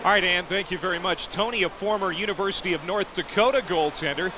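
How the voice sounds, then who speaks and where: High-voiced male hockey play-by-play announcer. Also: quick pace, rough recording. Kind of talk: sports broadcast.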